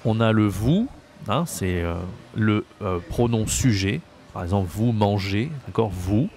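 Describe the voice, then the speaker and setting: A man teaching French pronunciation, slowly repeating each example word with patient explanations. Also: fairly low pitch, animated, darkish tone.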